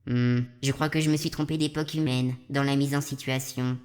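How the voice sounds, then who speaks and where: A synthetic text-to-speech woman's voice voicing a calm, deadpan robot who hosts a channel and narrates lore in a flat, matter-of-fact way with dry jokes. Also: very deep voice, a little fast.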